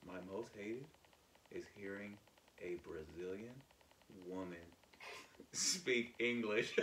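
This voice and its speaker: A man co-hosting a podcast in casual chat, with loud, laughing, profane banter. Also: deep voice. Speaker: podcast co-host. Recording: echoey room, mic at a distance, faint noise.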